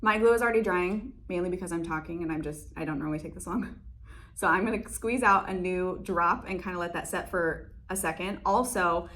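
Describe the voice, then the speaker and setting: A woman's voice: on the low side, a little fast, fairly bright tone. A young woman chatting casually through a lash-application tutorial in her salon, laughing often and using lots of fillers. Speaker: beauty vlogger.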